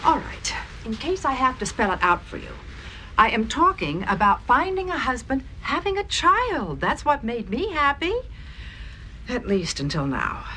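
A woman's voice: sits high, sing-song, normal speed, pushed and bright, slight background noise, full character voice. An actress playing an overbearing, theatrical alien mother in a TV episode clip, imperious and grand.

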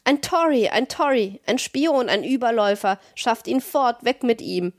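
A woman reading a story, voicing an angry village crowd that shouts accusations. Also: fairly high pitch, expressive, normal speed, no room sound, clean studio sound. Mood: furious.

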